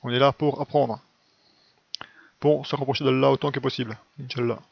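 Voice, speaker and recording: His mid-range voice is creaky and husky, steady in tone and fairly quick as this religious video teacher explains things casually and didactically, dropping "hein" and "quoi" often. The mic is close and the sound slightly dull and lo-fi.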